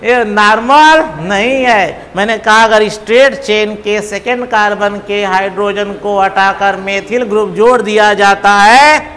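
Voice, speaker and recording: With a high voice and no rush, a man teaching chemistry lectures his class, calling the students babu, teasing them, counting out loud and firing questions. The room has a long echo and faint background noise.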